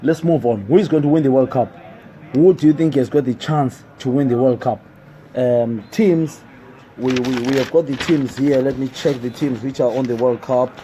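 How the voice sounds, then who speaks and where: A sports show host streams live football talk from inside a building, asking questions more than once and calling on viewers to answer. He speaks at normal speed in a dark, mid-range voice, and the recording is rough.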